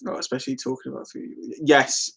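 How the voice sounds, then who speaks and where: A giggly Londoner chats casually on a live stream, answering comments as they come in. His voice is fairly high, gravelly and husky. He rambles and is easily amused.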